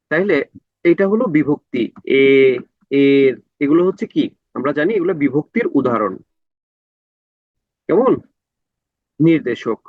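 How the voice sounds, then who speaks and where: A man's voice: a little high, no room sound. A man teaching an exam prep class, repeating points and asking the students whether they follow. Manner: repetitive, asks checking questions. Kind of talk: lecture to an online class. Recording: dull, dry lo-fi recording.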